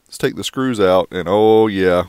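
A man's voice: low voice, unhurried, darkish tone, clean tone, dry recording, clean studio sound. Wry man reviewing car audio gear. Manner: wry, joking asides. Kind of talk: casual voice-over product review.

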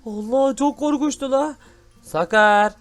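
A man hosting excited gameplay commentary, full of loud exclamations. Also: extremely high pitch, measured pace, faint music behind. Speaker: gaming host.

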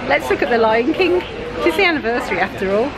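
A middle-aged British woman vlogging from a big store, chatting excitedly about items and their prices. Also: on the high side, fast talker. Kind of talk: shopping vlog walkthrough. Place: large busy store indoors. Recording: store music and crowd noise behind.

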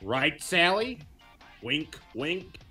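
A man's voice: on the high side, big pitch swings, very slow, bright, forceful tone, soft background music, heavily acted. A man voicing a joking, matter-of-fact cartoon crocodile detective in casual improvised banter. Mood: joking, frank. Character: easygoing, teasing male cartoon crocodile detective.

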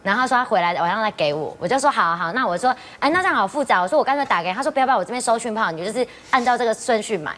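A woman guest on a talk show, telling a story in an animated, exclaiming way. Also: on the high side, rapid-fire, hardly any pauses.

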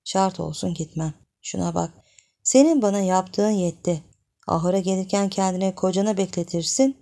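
A jealous young village man scolds and demands in a gruff, rough manner, voiced by a woman reader. His lines come out gravelly and dark, pushed a little louder than the surrounding narration. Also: lowish voice, normal speed, lightly acted. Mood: demanding.

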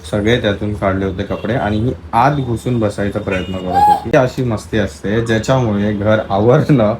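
A man's voice: on the low side, moderate pace, noisy background. Chatty young father filming a home vlog. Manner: chatty, switches between baby talk and explaining to viewers. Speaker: vlogger and father. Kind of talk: casual home vlog, talking to camera and toddler.

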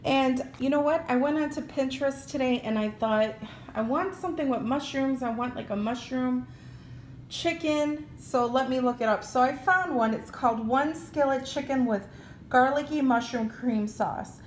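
In her home kitchen, a woman hosting a cooking vlog narrates a casual cook-along, explaining each step plainly and using fillers in a friendly way. She speaks high-pitched at a moderate pace, over slight background noise.

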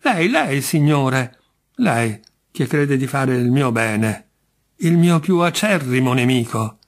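A man's voice: mid-range voice, lively intonation, takes it slowly. A man doing a bitter, menacing jinx. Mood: insistent. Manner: indignant, menacing, insistent. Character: bitter middle-aged man branded a jinx.

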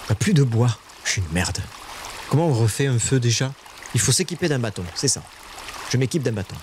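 Guy streaming a game, super lively voice jumping all over, yelps high when spooked, bit of hiss behind. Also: brisk. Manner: excitable, swears, shrieks high when startled. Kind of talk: live gameplay commentary.

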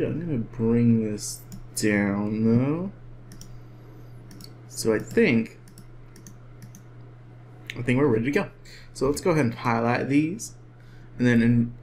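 Relaxed chatty man teaching photo editing. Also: mid-range voice, a little hiss or hum. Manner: relaxed, chatty, jokes to himself while working. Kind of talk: casual screen-recorded tutorial.

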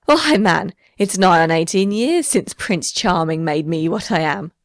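A haggard, bitter woman of the streets, as a male reader puts her on, her voice pushed far up in pitch and loud. She sneers and whines in a dry, close sound. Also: animated, a little slow, no echo, full character voice. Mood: bitter pleading. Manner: hissing, sneering, whining.

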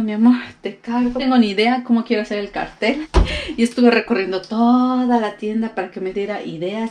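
A woman's voice: mid-range voice, a little mellow. A young woman from Mexico with a Mexican accent, talking casually to her viewers in a home vlog and keeping them in on her chores. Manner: chatty, keeps calling viewers "friends". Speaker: vlogger and mother. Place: home, indoors.

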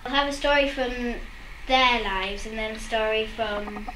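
A schoolgirl chatting in an animated way about school assemblies in a classroom. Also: on the high side, a little slow. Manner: chatty and animated, acts out others' voices. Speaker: pupil. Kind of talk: interview answers. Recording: echoey classroom with noise.

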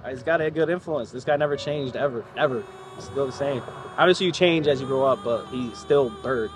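A man's voice: mid-range voice, music in the background. A man, an old school friend of the host, chatting casually and easygoing. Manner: quick and easygoing, with fillers. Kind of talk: casual chat.

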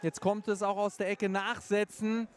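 A man's voice: sits high, flat delivery, moderate pace. A man giving live boxing commentary in an emphatic, opinionated way.

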